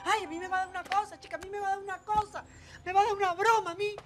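A woman's voice: extremely high pitch, fairly even intonation, racing, soft background music. An actress playing a fretful, melodramatic mother in a telenovela, exclaiming and scolding. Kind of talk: telenovela acting.

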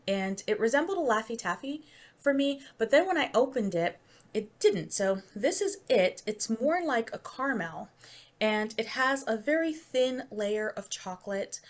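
An American woman chatting casually to camera in a taste-test vlog, rambling and laughing easily. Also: mid-range voice. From United States. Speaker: vlogger.

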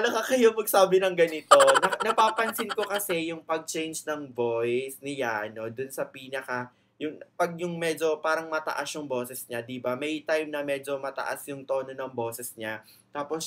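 A young Filipino man with a Filipino accent, chatting excitedly as host of a reaction video and switching between Tagalog and English. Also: on the high side. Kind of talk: casual reaction commentary.

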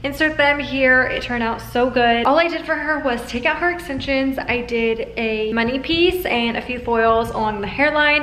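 A woman's voice: on the high side, fairly bright tone, slight background noise, low-quality recording. Twenties woman, stylist vlogger, upbeat and chatty, camera at arm's length indoors. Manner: chatty and upbeat, quick asides. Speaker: hairstylist vlogger. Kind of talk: casual vlog chat to camera. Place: home kitchen and hair salon, indoors. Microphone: handheld camera at arm's length.

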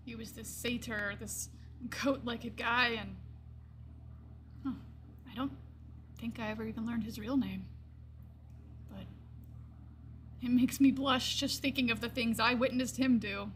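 In this fantasy game monologue, a woman plays a kindly old lion-folk druid with gray fur, her voice a little high and fairly even in intonation. The mood is amused and bashful, though her delivery stays wistful and reflective, with pauses and hushed phrases that trail away. A faint hiss or hum sits under the audio.

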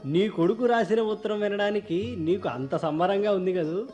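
A man's voice: high voice, moderate pace, a little mellow, faint music behind, natural voice. An actor playing a village father who grumbles and teases his wife in a radio play. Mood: grumbling. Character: older village father, gruff and teasing.

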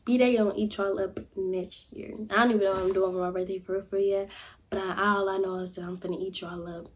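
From a chair in a small room, a young vlogger shares a casual life update to camera, animated and chatty with plenty of "y'all" and "like." Her voice is medium in pitch and her pace quick.

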